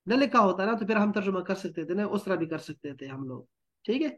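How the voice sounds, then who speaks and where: A man's voice: high-pitched, expressive. A man teaching a Quran translation class, patiently explaining word meanings and checking in with students. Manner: patient, explains with repeated checks like "theek hai?".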